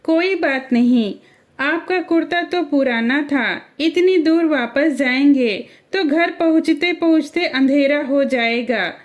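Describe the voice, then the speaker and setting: A gentle young bride from a storybook cartoon speaks softly and earnestly, as a woman narrator plays her. Her voice is high and unhurried. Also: dull audio. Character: gentle young married sister.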